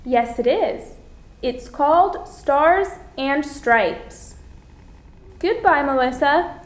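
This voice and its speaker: An American woman presenting a scripted language-lesson dialogue, speaking carefully and clearly for learners. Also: sits high, animated, echoey room. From Florida, United States. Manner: slow, carefully articulated, as if for learners.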